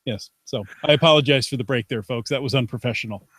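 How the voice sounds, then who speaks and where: A man's voice: mid-range voice, fast talker, a bit bright, husky, no echo. A man co-hosting a casual podcast over a video call, chatty and reading news aloud with playful asides. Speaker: podcast co-host.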